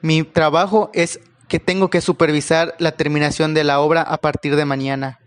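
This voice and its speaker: A man telling a first-person horror story, in a calm, unhurried manner with occasional pauses. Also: on the high side.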